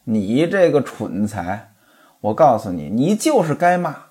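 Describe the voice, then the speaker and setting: A storyteller voicing a sharp-tongued young wife who scolds her husband at length in a raised, indignant voice. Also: medium pitch, very animated, unhurried, husky, pitched below the performer's own voice. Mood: scolding. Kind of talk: traditional storytelling voice.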